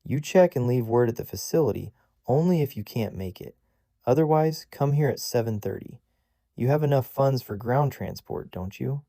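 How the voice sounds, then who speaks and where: A man voices an earnest young undercover agent who speaks with a slightly condescending, big-brother, sibling-like tone. His medium-pitched voice is animated and dark at normal speed, close to everyday speech, recorded cleanly in a studio with no room sound and the level pushed up.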